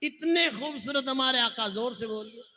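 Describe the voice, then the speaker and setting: High, piercing Marwari preacher. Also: male voice, moderate pace, bright, forceful tone, big-room sound. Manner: fervent, exhorting the crowd to respond. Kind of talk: sermon with sung verses.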